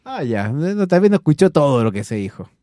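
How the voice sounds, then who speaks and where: A Chilean man co-hosts a late-night community radio show, joking his way through banter and coaching his partner on a prank call. His voice sits a bit high but sounds mellow and dark. The studio sound is dry and close. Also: very animated, fast, no echo. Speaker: radio co-host.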